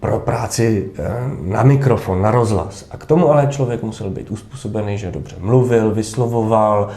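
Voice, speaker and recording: A man's voice: on the low side, dark tone. A man in his thirties, an actor answering interview questions thoughtfully with hesitations and restarts. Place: theatre backstage room. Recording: echoey room.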